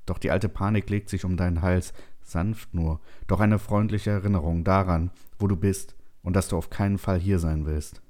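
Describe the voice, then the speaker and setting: A man narrating a second-person science fiction story in a slow, tense, measured way. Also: low-pitched, steady tone, dark tone.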